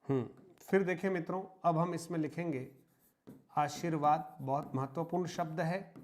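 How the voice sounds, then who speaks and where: A man teaching a Hindi grammar lesson, slowly dictating example words, repeating them, asking questions and answering them himself. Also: fairly high pitch, darkish tone. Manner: slow, repetitive dictation of example words, often addressing "मित्रों". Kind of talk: online exam-prep grammar lesson.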